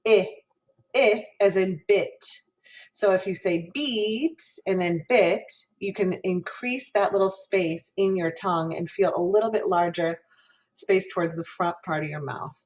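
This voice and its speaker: A woman's voice: lowish voice, normal speed, darkish tone. A woman from Minnesota teaching an online diction lesson as a guest professor, explaining and voicing vowel sounds aloud over a video call. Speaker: guest lecturer, music professor. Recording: dull lo-fi video call audio.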